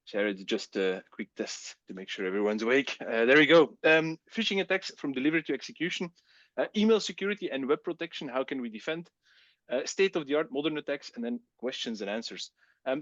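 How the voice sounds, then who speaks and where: A Belgian man, a native Dutch speaker with a Flemish accent, presents a technical webcast in a relaxed, chatty style full of fillers. His voice sits in the mid range, and the recording is dry and dull-sounding.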